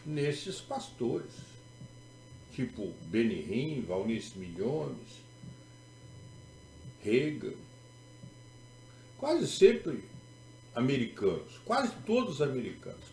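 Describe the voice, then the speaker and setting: A Brazilian pastor with a Brazilian accent preaches a sermon in a mid-range, gravelly, slightly mellow voice, emphatic and repetitive with sarcastic turns. The room is echoey, and faint music plays behind him.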